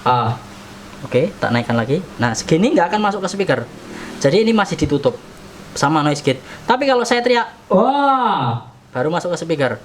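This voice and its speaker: A man's voice: fairly high pitch, sing-song, fairly quick, a little hiss or hum. A man, chatting casually step by step through a product demonstration. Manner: chatty, explains step by step while pressing buttons. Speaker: audio gear seller demonstrating a mixer. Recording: roomy sound, mic at a distance.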